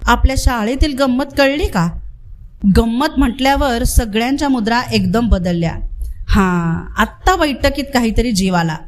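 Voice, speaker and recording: A woman narrating a village story aloud in a lively, expressive reading. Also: a little high, a little hiss or hum.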